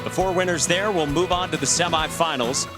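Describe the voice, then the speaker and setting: A man calling a youth baseball home run derby as play-by-play announcer, upbeat and brisk. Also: fairly high pitch. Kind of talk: sports broadcast commentary. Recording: music bed behind the voice.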